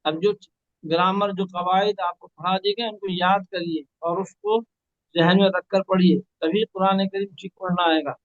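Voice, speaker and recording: Man, recitation teacher, patient, corrective, slow spelled-out sounds, dry dull recording. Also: sits high, fairly even intonation, no echo. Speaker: Quran reading teacher. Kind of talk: one-on-one recitation lesson.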